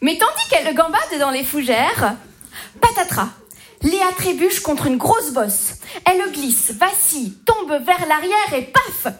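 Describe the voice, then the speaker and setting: A woman's voice: high-pitched, sing-song, unhurried, a bit bright. A woman narrating a bawdy comic fable in rhyming verse, with a playful, sing-song delivery. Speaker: storyteller.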